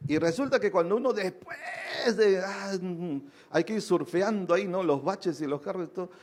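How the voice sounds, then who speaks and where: A man's voice: high voice, normal speed, a little mellow. A male pastor preaching a sermon, asking rhetorical questions again and again and acting out other people's voices to drive his points home.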